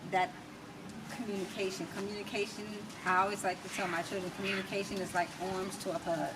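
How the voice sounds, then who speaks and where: An American woman, a natural healer and spoken word artist, chats casually as an interview guest. Her small, softly projecting voice is medium-pitched, level in tone, and fairly quick. She's picked up by a distant camera mic rather than a wireless one, over noisy ambient background.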